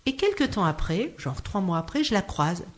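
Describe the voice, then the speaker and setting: A woman from Clermont-Ferrand, France, appears as an interview guest; she is a singer who works in hospitals. She tells animated anecdotes expressively, acting out the dialogue she quotes, in a medium-pitched voice at a normal speed.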